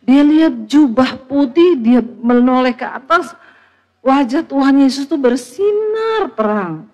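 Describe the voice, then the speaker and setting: A woman pastor preaching a sermon, telling a story with emotion and dramatic pauses. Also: sits high, expressive, darkish tone, lo-fi sound, faint music behind.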